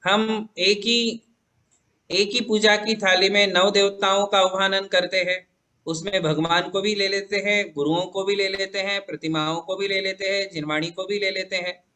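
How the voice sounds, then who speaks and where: A man's voice: sits high, flat delivery, moderate pace, bright, forceful tone. A man, a Jain monk, answering devotees' questions in a patient, reassuring, explanatory way. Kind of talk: religious question-and-answer teaching.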